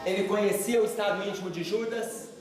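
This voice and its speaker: A man giving a religious study talk, animated and putting questions to the audience. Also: high voice, a little fast, a crowd in the background. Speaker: lecturer. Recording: echoey hall, distant mic.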